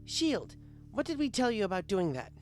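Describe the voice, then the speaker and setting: A man's voice: high voice, sing-song, moderate pace, soft background music, pitched above the performer's own voice. A man voicing a haughty, easily exasperated pony princess with formal, archaic royal speech in a storybook reading.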